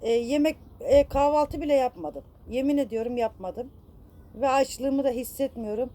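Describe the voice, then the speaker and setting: Upset high-voiced woman vlogger. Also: moderate pace, dark tone. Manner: upset, rambling, self-reproaching, many fillers; affectionate toward viewers. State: distressed. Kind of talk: casual vlog apology to viewers.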